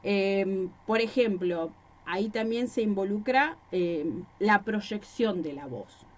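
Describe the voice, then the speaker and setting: A woman's voice: medium pitch, lively intonation, slow pace. Woman from rosario teaching a class, explains stuff with examples, asks then answers, talking into a mic in a small room. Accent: Rosario Argentine Spanish. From Rosario, Argentina. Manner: explanatory, gives examples and asks rhetorical questions. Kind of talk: recorded class lecture. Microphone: microphone.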